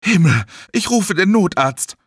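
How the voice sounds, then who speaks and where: Man doing a hurried alarmed helper, high and jumpy. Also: big pitch swings, slightly rough, no room sound, clean studio sound, exaggerated voice.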